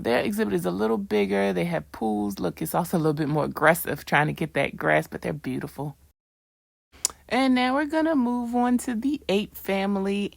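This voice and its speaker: A woman's voice: mid-range voice, gravelly. A woman with a Baltimore accent, chatting casually as she narrates a zoo tour, with frequent ums and laughs. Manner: chatty, laughs often, fillers like um. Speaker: vlogger.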